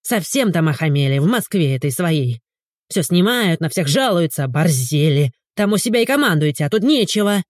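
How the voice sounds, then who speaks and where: A woman voicing a pushy middle-aged village woman who scolds indignantly and shrilly. The voice sits higher than her plain narration. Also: sing-song, normal speed, a little mellow, no room sound, studio quality.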